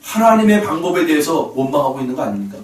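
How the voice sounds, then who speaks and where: A man's voice: fairly high pitch, very animated, fast. A man preaching a sermon as pastor, speaking emphatically and calling out to the congregation again and again. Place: church sanctuary. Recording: roomy hall, voice from a distance.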